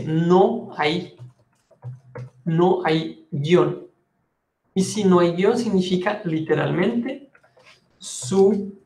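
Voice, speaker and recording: A man with a Colombian Spanish accent teaching a French lesson, patiently explaining and repeating phrases slowly. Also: fairly high pitch, reverberant. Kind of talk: online language lesson.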